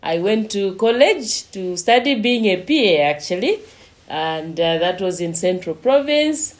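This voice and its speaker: A woman from Zambia, a lodge manager, talking slowly with many pauses as a guest in a remote interview. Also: mid-range voice, lively intonation. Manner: slow, unhurried, with frequent pauses.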